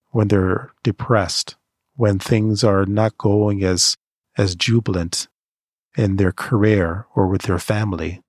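Earnest man, low dry voice. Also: dry recording. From Canada. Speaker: writer giving creative career advice. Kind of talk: motivational monologue.

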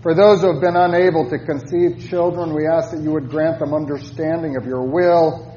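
A man leading formal church prayers as a pastor, in a solemn, measured manner. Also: fairly high pitch, steady tone, mellow, roomy sound. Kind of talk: formal liturgical prayer and chant. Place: church service. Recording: muffled church recording with faint noise.

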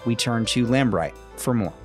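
A man anchoring a radio newscast, reading a scripted introduction in a measured way. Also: medium pitch, loud music behind the voice. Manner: measured read delivery. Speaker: news anchor.

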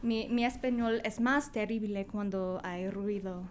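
An American woman interviewing casually in halting beginner Spanish, a native English speaker who searches for words and giggles easily. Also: medium pitch, slight background noise. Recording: music behind the voice.

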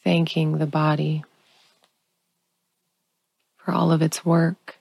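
A woman guiding a sleep meditation in a calm, soothing, unhurried sleep-story narrator manner, leaving long pauses. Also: sits low, vocal fry, slightly rough, no room sound, low-quality recording. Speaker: guided relaxation narrator.

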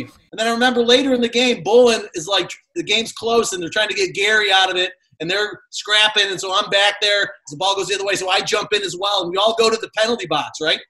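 A man's voice: sits high, pushed and bright, rough recording. A man, a former player, casually telling stories and laughing as he goes. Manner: chatty, laughing, lots of "right?". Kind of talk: casual storytelling.

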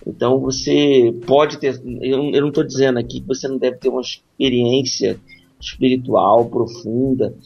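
A man's voice: mid-range voice, steady tone, normal speed, gravelly, husky, lo-fi sound. A man co-hosting a podcast, talking reflectively about faith and often tagging his points with a questioning "right?". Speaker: podcast co-host. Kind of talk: casual discussion on faith.

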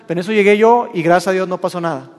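A man's voice: high-pitched, very fast, darkish tone, in a large hall. A man with a Mexican accent, preaching a sermon to his congregation and telling personal stories as the pastor. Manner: storytelling with personal anecdotes, addressing the congregation. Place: church.

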